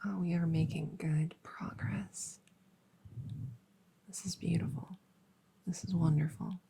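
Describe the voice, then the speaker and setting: Woman as a breathy, whispering elf girl, ASMR role-play. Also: fairly low pitch, fairly even intonation, takes it slowly, heavily acted. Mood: soothing, sympathetic. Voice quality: breathy, soft. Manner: hesitant, rambling, gently soothing. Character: nerdy, friendly, awkward young female elf cleaning ears.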